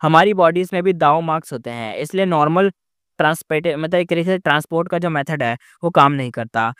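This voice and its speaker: Proud undead immortal man, a male narrator voicing him, casual retelling, fairly high, smooth voice. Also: fairly quick, fairly bright tone, no echo, clean studio sound, close to an everyday voice. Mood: explaining. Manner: plain conversational telling, with restarts and fillers.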